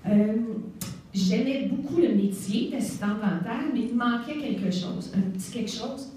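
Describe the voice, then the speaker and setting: A Québécois woman in her forties gives a spoken testimony at an event, chatty and full of fillers. Her voice is dark and mellow. It comes from some way off the mic and echoes heavily around the hall. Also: on the high side, moderate pace, recorded from a distance, slight background noise. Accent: Québécois French. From Canada. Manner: warm, conversational storytelling with fillers. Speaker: guest speaker. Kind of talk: personal testimony speech.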